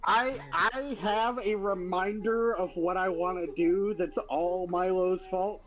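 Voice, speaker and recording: A man's voice: sits high, fairly even intonation, slow, fairly bright tone, muffled recording. A man playing a tabletop game, rambling and tripping over his words. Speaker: player. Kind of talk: casual chat at a game table.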